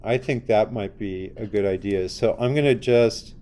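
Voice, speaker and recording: A man's voice: lowish voice, normal speed, warm tone. A man teaching a design class, talking casually and asking his students questions as he works. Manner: conversational, asks the class questions. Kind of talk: classroom lecture with screen demo.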